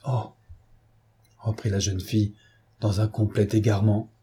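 A man reading a classic novel aloud in a steady, measured storytelling manner. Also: fairly low pitch, breathy edge. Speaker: audiobook narrator.

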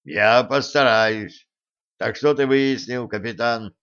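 A man's voice: mid-range voice, takes it slowly, fairly bright tone. Man reading as Givi, a blunt gnome boatswain. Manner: blunt, colloquial speech. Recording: dull lo-fi recording.

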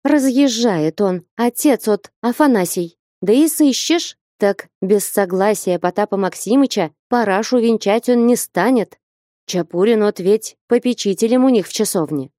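A woman voicing a bold, sharp-tongued young woman who scolds and commands, in a read-aloud story. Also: no echo, clean studio sound, natural voice. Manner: scolding, commanding, rising to high pitch. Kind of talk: audiobook character reading.

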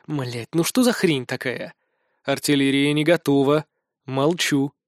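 A man's voice: mid-range voice, measured pace, dry recording, studio quality. A man reading first-person fantasy narration for an audiobook, in a wry, colloquial way with mild swearing.

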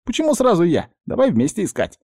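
A man voicing a high, nervous male voice inside someone's head, defensive and whiny, in an audiobook. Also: wildly swooping pitch, fast, darkish tone, no room sound, clean studio sound, exaggerated voice.

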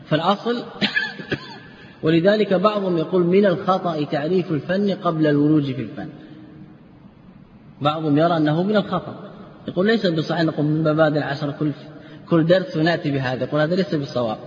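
A man with a fairly high voice gives a classroom lecture in a reverberant hall. He keeps asking his students questions and then answers them himself, and he repeats word forms as drills. The recording sounds dull and muffled, with a faint hiss underneath. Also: fast talker, long pauses. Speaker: Islamic scholar teaching a class. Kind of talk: classroom lecture on legal theory and grammar.

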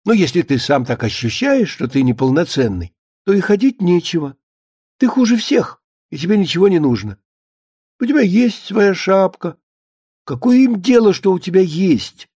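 A man's voice: high-pitched, sing-song, normal speed, darkish tone, breathy edge, no echo, studio quality, voice pushed up, heavily acted. A man reading an audiobook and voicing a nagging middle-aged wife who scolds her husband insistently. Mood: scolding. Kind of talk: audiobook character voice.

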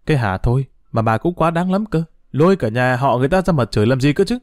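An exasperated son caught in a family fight, voiced by a male narrator, barking quick, gruff rebukes. His delivery is lively and pitched a touch high, recorded dry and close. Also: no room sound, lightly acted. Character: irritable grown son caught between wife and mother.

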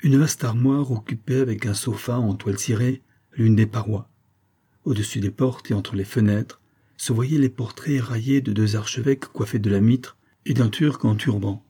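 A man narrating a classic short story in a measured, even storytelling delivery. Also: mid-range voice, husky. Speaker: audiobook narrator.

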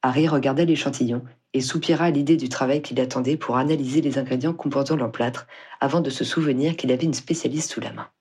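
A reader narrating a story in a steady, husky voice. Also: medium pitch, fast talker. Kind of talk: scripted audiobook narration.

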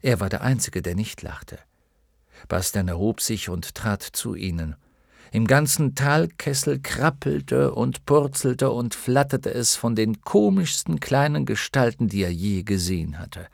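Male audiobook narrator, playful and animated, mid-pitched, dry close studio read. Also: measured pace, gravelly, no echo. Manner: lively, playful storytelling.

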